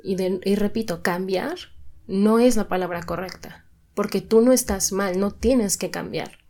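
A woman's voice: mid-range voice, a little slow, warm tone. A young adult woman with a Mexican accent, hosting a podcast and giving chatty, encouraging advice, often repeating herself for emphasis. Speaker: podcast host and style coach. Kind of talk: casual motivational talk.

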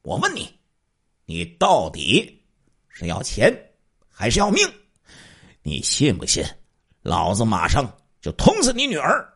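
Brief: man playing a threatening thin robber in a crime story, raised husky voice. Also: medium pitch, huge pitch swings, normal speed, a bit bright, voice pushed up, heavily acted. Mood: menacing.

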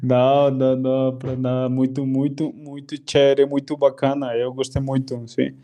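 A man with a very dark, mellow voice and little pitch movement speaks as a podcast guest. His Colombian Spanish accent is clear, and he often gropes for words, mixing in Spanish. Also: completely flat delivery. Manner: halting, searching for words, slipping into Spanish. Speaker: interview guest. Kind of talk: casual podcast interview.

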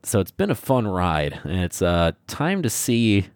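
Deep-voiced man chatting on a podcast. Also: very animated, measured pace, clean tone, no room sound, clean studio sound. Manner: rambling, many fillers and restarts. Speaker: podcast co-host. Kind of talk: casual chat. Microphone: podcast microphone.

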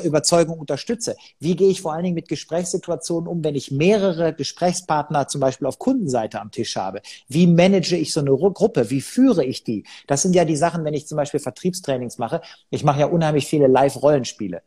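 A man's voice: a little high, warm tone, breathy edge. A man speaking as a sales trainer in a podcast interview, talking emphatically and acting out quoted dialogue from his seminars.

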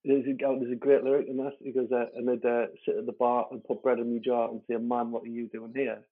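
A man's voice: medium pitch, flat delivery, fast talker, breathy edge. A man, a comedian guest, telling a candid story in a rambling way, full of fillers and restarts, swearing and laughing as he talks. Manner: swears freely and laughs while talking. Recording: lo-fi phone-like audio.

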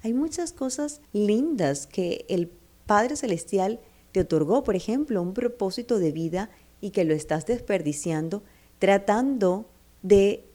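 Woman, self-help talk, emphatic, repetitive, mellow dark tone, mid pitch. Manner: emphatic, repetitive, speaks directly to the listener. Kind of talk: motivational talk.

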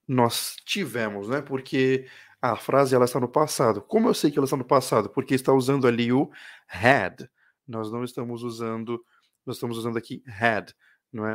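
Man teaching English on a live stream. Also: medium pitch. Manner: reads English phrases slowly for viewers to repeat; mixes English words into his talk.

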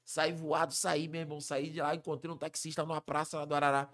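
Rio funk singer in his 40s, podcast guest, rapid-fire slangy storytelling, fairly high voice. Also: flat delivery, fairly bright tone. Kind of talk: storytelling in a casual podcast chat.

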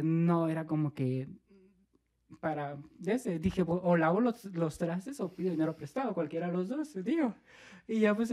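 A man with a Mexican accent telling an animated story on a podcast, laughing and acting out what people said. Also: high voice. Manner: animated, laughing, acts out quoted voices. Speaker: podcast co-host. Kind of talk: casual storytelling chat.

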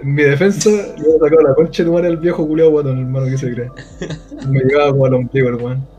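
A man's voice: mid-range voice, flat delivery, quick pace, dark tone, highs cut off, soft background music. A man with a Chilean accent, a podcast co-host, telling a story in casual, crude slang and acting out the people in it. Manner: crude slangy storytelling, acts out quoted voices.

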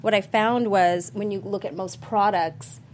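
A woman from Sri Lanka speaks as a talk-show guest, explaining health and skincare in an earnest, measured way. Her voice sits at an ordinary middle pitch, and she keeps an unhurried pace. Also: steady tone, darkish tone, slight background noise. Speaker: guest, fitness competitor and skincare maker. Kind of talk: casual talk-show chat.

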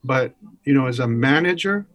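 Casting: male interview guest, mid-pitched, measured and explanatory conversational delivery. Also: expressive, fairly bright tone.

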